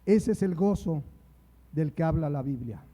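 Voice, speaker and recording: A man's voice: on the high side, animated, measured pace, warm tone. A man preaching a sermon, reading scripture aloud and retelling it with emphasis. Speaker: pastor.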